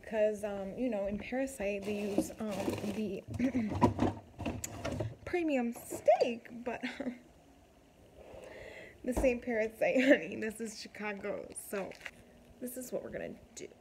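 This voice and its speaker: A young woman talks through her cooking in a chatty, playful way, spinning goofy little asides as she goes. Her voice sits in a middle pitch. A pan sizzles loudly in the noisy kitchen behind her. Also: a little slow, long pauses. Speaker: cooking vlogger. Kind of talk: casual cooking chat. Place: home kitchen.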